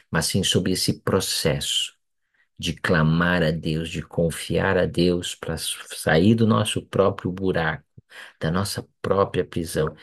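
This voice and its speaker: A man giving an earnest seminary lesson, speaking slowly and deliberately and often checking in with "né" and "ok". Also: low voice, gravelly, breathy edge, no echo. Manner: earnest, slow and deliberate, with frequent "né" and "ok". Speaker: seminary teacher. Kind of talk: religious class lesson.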